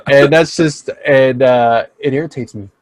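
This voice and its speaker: A man's voice: medium pitch, measured pace, dry recording. A young man co-hosting a podcast in casual chat, blunt and swearing freely as he laughs through stories. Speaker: podcast co-host.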